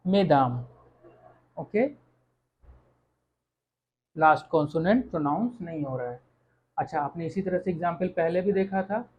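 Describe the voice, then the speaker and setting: A teacher walks through French vowel sounds one at a time and repeats each word several times. The voice is of middle pitch and sits in a dull, lo-fi recording. The pace is patient, and "okay" comes after each point. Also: slight background noise. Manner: slow, repeats words, says "okay" often. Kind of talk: online language lesson.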